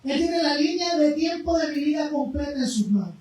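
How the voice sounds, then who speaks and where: Female preacher, high voice, fervent sermon delivery; distant, reverberant church recording with faint noise. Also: expressive, normal speed. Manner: impassioned, swinging between loud cries and quiet low passages. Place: church sanctuary. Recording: very echoey room, voice from afar, faint noise.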